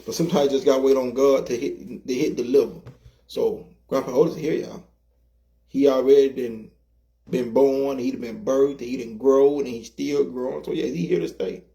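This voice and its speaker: A man's voice: mid-range voice, fairly even intonation, normal speed, gravelly, dark tone. A man co-hosting a casual interview, earnest and preacherly, repeating himself for emphasis. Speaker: co-host, comedy skit creator.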